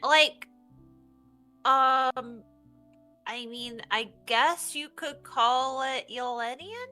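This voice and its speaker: A woman's voice: high voice, extremely slow, sharp tone, faint music behind, exaggerated voice. A woman voicing a curious, blunt young tiefling boy in a tabletop game, with hesitant, childlike questions. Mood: explaining.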